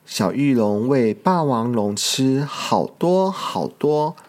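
A storyteller reading a picture book aloud for small children, gentle and expressive. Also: mid-range voice, slow pace.

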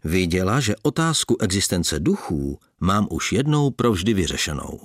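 A man narrating an audiobook with expressive storytelling. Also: deep voice, no echo. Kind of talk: audiobook reading.

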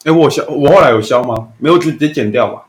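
A man's voice: medium pitch, fast. A young man with a Taiwanese Mandarin accent hosting a casual podcast chat, joking, laughing often and swearing casually. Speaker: podcast host.

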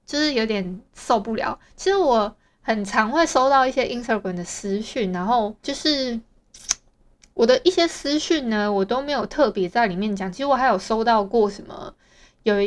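A young woman with a Taiwanese Mandarin accent, chatting casually as host of her audio diary podcast. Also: a little high. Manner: chatty, rambling storytelling.

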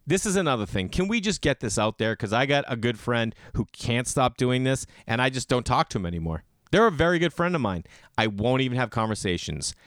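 A man's voice: mid-range voice, expressive, brisk, fairly bright tone, no echo, studio quality. A man hosting a solo podcast in a casual, opinionated rant, blunt and emphatic, with bro-style slang and swearing. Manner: rhetorical questions answered by himself. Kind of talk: casual ranting monologue. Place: garage.

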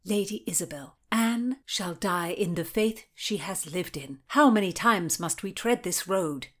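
Woman narrator as a sharp-tongued tudor noblewoman, biting, storybook reading, lowish. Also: a little slow. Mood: defiant. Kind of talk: audiobook reading.

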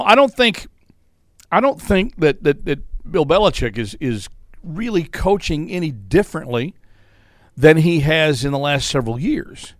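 A man's voice: fairly high pitch, no room sound, clean studio sound. Chuckling man hosting sports talk. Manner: rambling, with many restarts and chuckles. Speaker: sports talk show host. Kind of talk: casual sports talk radio monologue.

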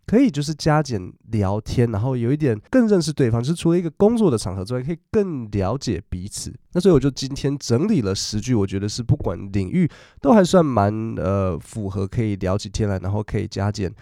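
A man's voice: medium pitch, very animated, fairly quick, few pauses, mellow, no room sound, studio quality. A man, hosting a casual, chatty podcast about work English. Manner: chatty, storytelling, acts out quoted voices. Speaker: podcast host teaching English. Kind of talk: casual chat.

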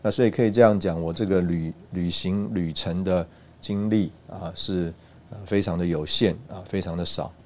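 A man from Taiwan recounting a personal church testimony, halting, with frequent "uh" and "ah" fillers. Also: low-pitched, steady tone, a little mellow, a little hiss or hum. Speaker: church speaker giving a testimony.

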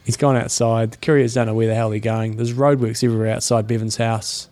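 A man's voice: mid-range voice, little pitch movement, fast, darkish tone, dry recording. A man with a New Zealand accent chatting casually as a talk show co-host, dry, wry and colloquial. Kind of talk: casual banter.

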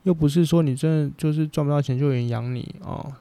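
A man with a Taiwanese Mandarin accent hosts a podcast, rambling bluntly through a casual opinion chat and swearing freely. He talks fast with a fairly high-pitched, dark voice, and there's no room sound.

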